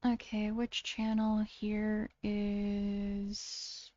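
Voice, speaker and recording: A woman's voice: medium pitch, completely flat delivery, extremely slow, mellow, dull audio. A tired, sleepy-sounding woman hosting a casual voice call, hesitant and full of ums and restarts. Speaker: video creator hosting a call.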